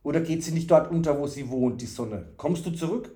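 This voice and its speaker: A man's voice: fairly high pitch, fairly quick, warm tone, roomy sound, voice pushed up, natural voice. A man voicing a simple-minded, childlike male fool from the forest, eager and full of repeated questions. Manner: eager, questioning, singsong repetitions.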